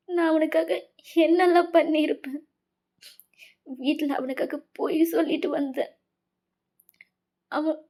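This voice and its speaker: In a fan fiction voice-over, a woman voices a heartbroken young woman, pleading and accusing through tears. Her voice is a touch high but soft and mellow.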